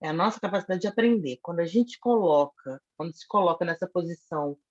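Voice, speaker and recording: A Brazilian-accented woman talks freely in a podcast chat, blunt and animated as she tells her stories. Her voice has a breathy, husky edge. The audio sounds a little muffled and dull. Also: lowish voice, fast. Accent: Brazilian Portuguese. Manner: animated storyteller, self-described foul-mouthed. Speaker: podcast guest. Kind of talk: casual interview conversation.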